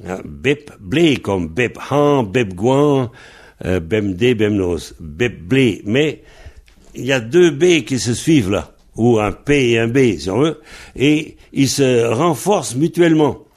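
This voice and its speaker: A man's voice: medium pitch, expressive, slow, darkish tone. A man teaching Breton pronunciation, patiently spelling words out letter by letter. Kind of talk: slow spelled-out language lesson.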